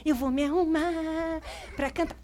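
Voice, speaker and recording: Give me a sheepish little girl puppet, voiced by a woman, childlike and a bit high. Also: fairly even intonation, measured pace, darkish tone. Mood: eager.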